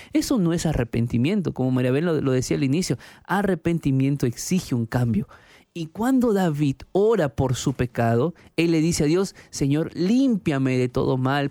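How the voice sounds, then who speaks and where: A man's voice: a little high, dark tone, dry recording, clean studio sound. A male pastor telling a testimony and preaching in an earnest, emphatic way.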